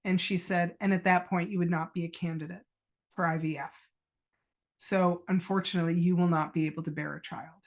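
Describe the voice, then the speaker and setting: A woman's voice: lowish voice, level tone, brisk. A middle-aged woman, a podcast guest, earnestly telling a personal story and retelling past conversations as quoted dialogue.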